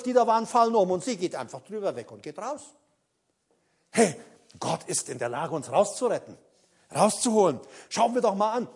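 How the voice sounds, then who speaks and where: A man's voice: sits high, a little mellow. A man preaching a sermon, speaking dramatically and addressing his listeners directly, with fillers when he recalls details. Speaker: pastor.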